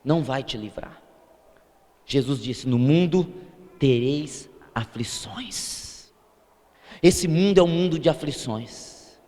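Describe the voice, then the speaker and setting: High-voiced preaching pastor, echoing church. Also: male voice, expressive, takes it slowly, pauses often. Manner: swings between loud emphatic declarations and low, quiet asides. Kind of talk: sermon. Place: church sanctuary.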